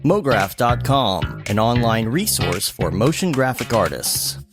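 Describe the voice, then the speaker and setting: A man's voice: mid-range voice, a little slow, gravelly, over music. A man hosting a podcast, joking around in casual chat and voicing the show's promos. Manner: joking, animated. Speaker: podcast host.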